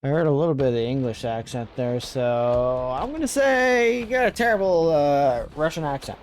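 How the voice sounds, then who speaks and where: A man's voice: a little high, animated, moderate pace, slight background noise. A man streaming a strategy game and chatting casually, joking and self-deprecating as he plays. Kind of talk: casual gameplay commentary.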